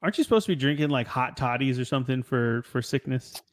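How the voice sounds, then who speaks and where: A young man hosting a soccer podcast in a relaxed, rambling casual chat who laughs easily. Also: mid-range voice, fast. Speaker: podcast host.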